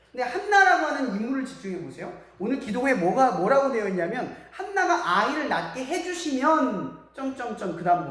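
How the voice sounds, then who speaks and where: Lively, questioning youth preacher in echoey hall. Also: male voice, high voice. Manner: lively, asks the audience many questions and acts out quotes. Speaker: youth pastor. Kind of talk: sermon to students. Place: church worship hall.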